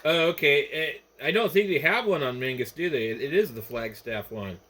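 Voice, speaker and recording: An American amateur radio operator chats casually over the air, his voice a little high and animated at a moderate pace. The ham radio transmission is noisy, with static behind him.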